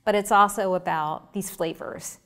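A woman's voice: medium pitch, steady tone, normal speed, a bit bright, clear, resonant tone. A woman hosting a studio interview, asking engaged, leading questions of her guest. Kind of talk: interview conversation. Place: bright studio set, seated in armchair.

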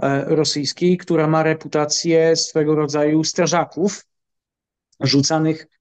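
Middle-aged guy analyzing the war, slow and careful, lots of ums, voice a bit high. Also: level tone, a little mellow, smooth. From Poland. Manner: measured, halting, many filler pauses. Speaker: military analyst guest. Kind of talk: interview answers.

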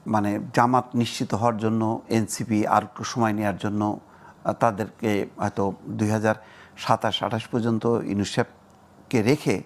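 A man speaking as a guest on a political panel, halting with many fillers. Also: on the low side, little pitch movement. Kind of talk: political commentary.

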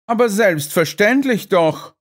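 A man voicing a sharp, aloof detective who speaks dryly and curtly in an audiobook. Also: high-pitched, animated, unhurried, pitched above the performer's own voice. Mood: cool, dry. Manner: dry, detached, curt.

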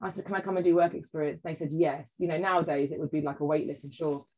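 A woman talks in a relaxed, chatty way, spinning family stories and acting out the voices of the people in them. Her voice sits a little low for a woman. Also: very fast, slightly rough, poor audio. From England. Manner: animated storyteller, acts out quoted voices, frequent "like" and "you know". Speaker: podcast guest, food writer. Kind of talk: casual chat.

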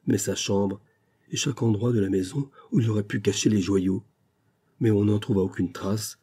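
A man narrating a classic detective story as an audiobook, in a measured, steady storytelling voice. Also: fairly low pitch, breathy edge. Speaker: audiobook reader.

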